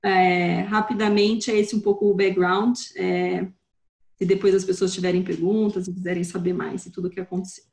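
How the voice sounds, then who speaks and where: A woman's voice: lowish voice, level tone, normal speed, creaky, darkish tone, reverberant. A woman in her thirties with a Brazilian Portuguese accent, a marketing director speaking as a guest over a video call, thoughtful with many hesitations.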